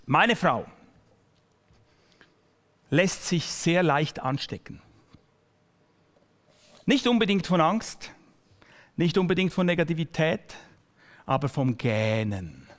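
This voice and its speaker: A male pastor preaches to his congregation in a large hall, addressing each listener directly and personally, often slowing down and dropping almost to a whisper for emphasis. His voice sits high with a fairly bright tone.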